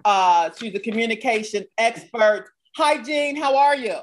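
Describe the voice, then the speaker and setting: Slow-spoken higher-voiced woman host. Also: expressive, a little hiss or hum. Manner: warm, effusive introductions. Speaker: podcast host. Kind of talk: podcast interview.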